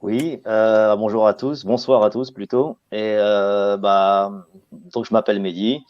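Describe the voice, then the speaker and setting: Low-voiced man on a dull, dry call. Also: steady tone, measured pace, no room sound. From France. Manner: hesitant, with many fillers. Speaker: guest and YouTuber. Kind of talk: casual self-introduction.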